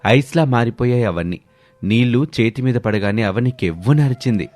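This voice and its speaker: A man giving scripted narration for a cartoon moral story in a steady, plain way. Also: mid-range voice, fairly quick.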